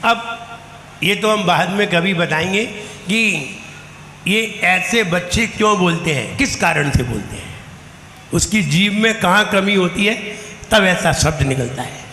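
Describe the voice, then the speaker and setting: Bright high-voiced man preaching in an echoey hall. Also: unhurried, a little hiss or hum. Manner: animated storytelling, mimicking children's lisps. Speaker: Jain monk preacher. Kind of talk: storytelling sermon. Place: temple hall. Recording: echoey hall with faint ambience.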